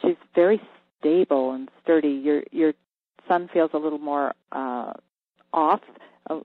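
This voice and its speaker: A radio host giving an energy healing reading to a caller, calm and halting, sometimes dropping to a whisper while checking. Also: mid-range voice, no room sound. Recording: thin phone-like line, dry.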